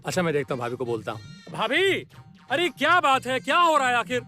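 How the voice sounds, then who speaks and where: An actor playing a younger brother who tries to calm a household quarrel in a TV serial. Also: male voice, very high-pitched, brisk, faint music behind, full character voice. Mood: placating. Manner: soothing, sheepish. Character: placating younger brother caught in the middle.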